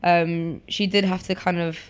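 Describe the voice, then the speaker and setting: This interview guest is a photographer in her twenties, Polish-born and London-raised, talking casually with plenty of fillers and false starts. She speaks a little slowly in a smooth, low-leaning voice with a flat delivery.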